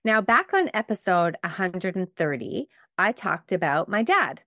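A woman's voice: lowish voice, very animated, unhurried, a bit bright, no room sound, studio quality. Chatty woman hosting a podcast. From Montreal, Canada. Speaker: podcast host. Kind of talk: casual solo podcast talk.

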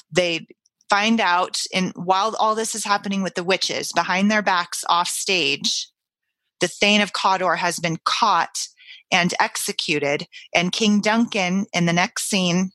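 A woman co-hosting a podcast, talking about a play in a casual, excited way and eagerly explaining it. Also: on the low side, takes it slowly, no room sound. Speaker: podcast co-host. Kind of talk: casual literary discussion.

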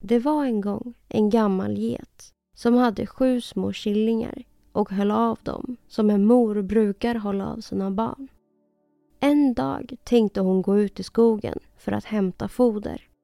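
A woman reading a fairy tale aloud in a calm, even storytelling voice. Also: mid-range voice, creaky, no echo, clean studio sound, soft background music.

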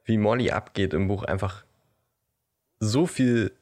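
A man's voice: lowish voice, unhurried, darkish tone. A man chatting casually as a podcast co-host, animatedly retelling scenes from books and films.

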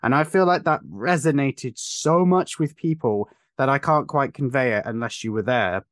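A man's voice: medium pitch, normal speed, dry recording, clean studio sound. A man hosting a podcast, giving long, emphatic, opinionated explanations in casual chat. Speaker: podcast host.

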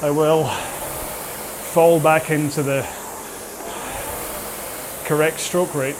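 A man's voice: on the high side, little pitch movement, slow pace, noisy background. A man coaching a follow-along workout while exercising on a rowing machine, speaking in short phrases broken by effort.

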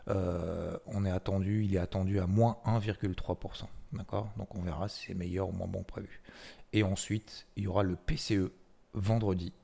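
A man's voice: low-pitched, steady tone, normal speed, vocal fry, mellow, slightly rough. A man giving casual, chatty market commentary as host of a weekly recap, with many fillers and restarts. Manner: chatty, loose, with many fillers and repeated words.

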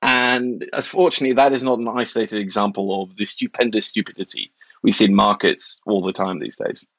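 A man's voice: lowish voice, fairly even intonation, a bit bright, no room sound, highs cut off. Articulate man from Norway, dry sound. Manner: articulate, wry, measured. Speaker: markets journalist guest. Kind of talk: conversational interview.

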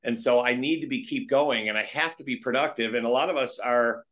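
A man's voice: medium pitch, brisk, fairly bright tone, lo-fi sound. A man in his late fifties, a guest entrepreneur, talking in a casual interview in an earnest, rambling way and telling stories with animation. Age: 50s.

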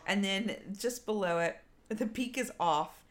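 A woman's voice: mid-range voice, a little slow, roomy sound. A woman co-hosting a podcast in casual chat, laughing often and trailing off with fillers. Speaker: podcast co-host.

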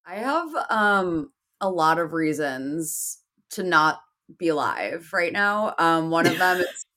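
A woman's voice: fairly low pitch, expressive, slow, pushed and bright. A woman guest on a podcast in casual chat, sick with a nasal voice, glum and self-deprecating.

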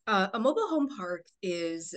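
A woman's voice: mid-range voice, very animated, normal speed. A young woman from China, a real estate investor, answering interview questions in a fluent, businesslike way.

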